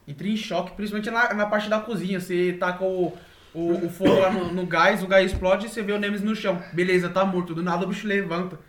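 A man's voice: high-pitched, fairly even intonation, fast talker, background noise. A young man with a Brazilian accent telling stories casually and animatedly, with slang and swearing. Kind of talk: casual chat. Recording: echoey room.

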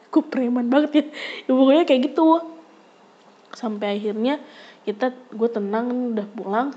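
A young woman telling a casual personal story, lively and quick to jump up when she acts out a quarrel. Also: lo-fi sound. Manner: animated, jumps high when acting out arguments.

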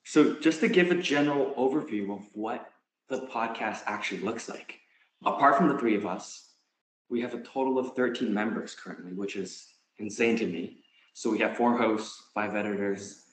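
A man's voice: on the low side, normal speed, roomy sound, slight background noise, low-quality recording. A young man from Canada, co-host of a podcast, leading the conversation in a friendly, upbeat way. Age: young adult. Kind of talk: casual podcast hosting.

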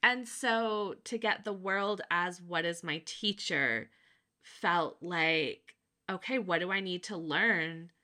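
A woman in her thirties talks through her thoughts in a relaxed podcast chat. Her voice has a bright, clear edge, and she thinks aloud with plenty of fillers and easy laughter. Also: lowish voice, takes it slowly. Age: 30s. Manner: reflective, laughs often, many fillers. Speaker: podcast co-host. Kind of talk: casual chat.

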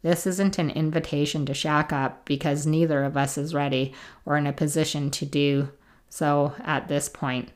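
A woman hosting a casual podcast, reading listener letters aloud in a gentle, chatty way. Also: deep voice, steady tone, normal speed. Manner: reads gently, laughs easily, chatty asides.

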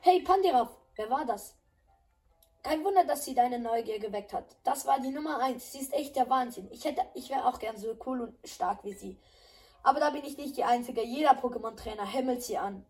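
A woman voicing a bubbly, eager schoolgirl in a game dub, talking excitedly. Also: a little high, moderate pace, far from the mic, natural voice. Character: cheerful eager schoolgirl champion. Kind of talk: dubbing game dialogue.

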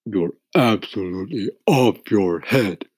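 A man's voice: fairly low pitch, animated, slow, darkish tone, breathy edge, dry recording, studio quality, full character voice. A man voicing a grumpy, fussy male earthworm in a storybook reading, indignant and huffy.

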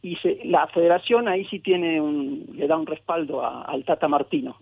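A sociologist born in Mexico and raised in Argentina speaks as a guest in a radio phone interview over a phone line, thoughtful and hesitant with many fillers. His male voice is a little high, with vocal fry and slight roughness, and there's no room sound.

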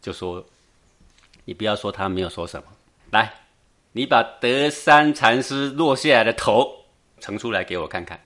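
A man with a somewhat low voice gives a Buddhist talk as a storyteller. He tells the tale with animated energy and chuckles often. He keeps turning to his listeners to check that they agree. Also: normal speed, long pauses. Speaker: Buddhist teacher.

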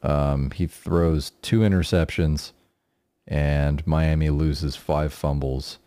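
A man's voice: extremely low pitch, steady tone, takes it slowly, dark tone, no echo. A man co-hosting a casual sports podcast, talking in a laid-back, profane way. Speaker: podcast co-host.

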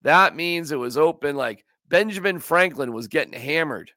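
A man's voice: a little high, lively intonation, normal speed, sharp tone, no room sound, studio quality. A man hosting a casual sports podcast, joking and rambling as he chats with his co-host. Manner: joking, rambling, does silly voices.

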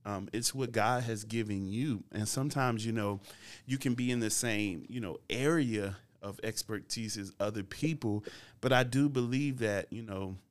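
A podcast host with a lowish voice speaks at normal speed on a casual faith-based show. He tells stories in a laid-back way and laughs often.

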